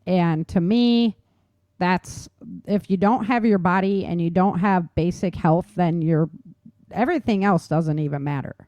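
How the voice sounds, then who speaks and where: A podcast host leads a casual talk-show discussion of survival tips, chatting informally and emphatically and laughing easily. Her voice is fairly low and dark, a little slow, on a dry recording.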